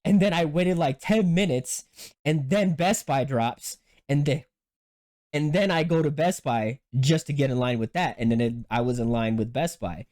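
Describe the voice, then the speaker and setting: A man telling a story in casual podcast chat, animated and full of swearing, with many restarts and sudden high jumps when he quotes himself. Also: normal speed. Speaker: podcast host.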